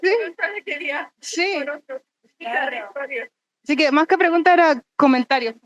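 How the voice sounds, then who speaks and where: A woman's voice: sits high, slow pace, highs cut off. A woman giving a casual academic comment at a symposium, stumbling and repeating words. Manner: stumbling, repeats words, laughs while talking.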